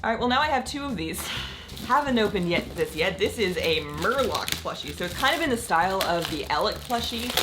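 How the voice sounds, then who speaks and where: Losing her voice and sounding slightly croaky, a woman who makes gaming content rambles chattily in a casual vlog, filling her speech with "like" and frequent laughter. Her voice is mid-range, against a noisy background.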